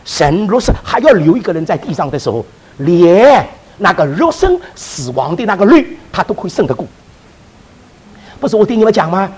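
A man preaches a testimony with a high, husky voice. He tells his story at a quick pace, with a lively, swooping delivery and frequent restarts and fillers. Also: low-quality recording. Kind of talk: testimony sermon.

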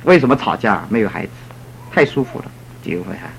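A middle-aged man, a church elder, telling a story in a sermon in an animated way and acting out the people he quotes. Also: fairly low pitch, fast, creaky, a little hiss or hum. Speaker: church elder giving a talk.

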